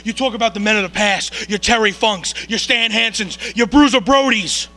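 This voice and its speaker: High-voiced man cutting a menacing promo. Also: moderate pace, soft background music. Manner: intense, menacing, swings from low growls to yells. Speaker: pro wrestler. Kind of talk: wrestling promo.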